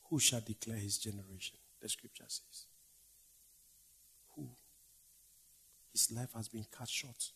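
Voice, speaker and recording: A man preaching a dramatic sermon, swinging from loud declaiming to hushed whispers in a slow, repetitive cadence. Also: lowish voice, steady tone, gravelly, breathy edge.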